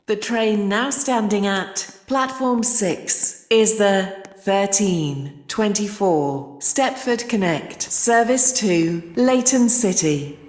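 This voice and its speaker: A woman's voice: mid-range voice, takes it slowly, hardly any pauses, darkish tone. A woman giving scripted train station announcements in a formal manner, phrase by phrase like pre-recorded segments. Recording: echoey station PA, long reverb, ambient noise.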